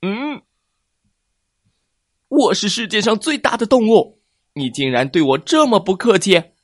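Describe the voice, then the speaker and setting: A man's voice: high voice, lively intonation, a little slow, pitched above the performer's own voice. A man voicing a boastful, proud giant male lobster in a children's story. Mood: indignant. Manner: bragging, indignant.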